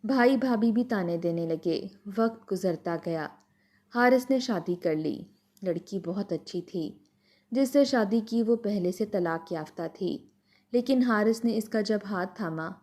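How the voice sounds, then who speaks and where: A woman's voice: mid-range voice, a little mellow. A woman narrating an emotional moral story in a dramatic storytelling manner.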